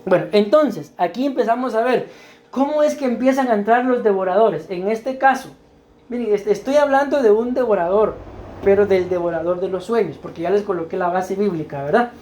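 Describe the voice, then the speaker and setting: A man's voice: high-pitched, a little fast, darkish tone, a little hiss or hum. Male pastor teaching and questioning his congregation. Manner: explanatory, checks understanding with frequent "¿verdad?"; questions the congregation and waits for answers. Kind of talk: teaching sermon.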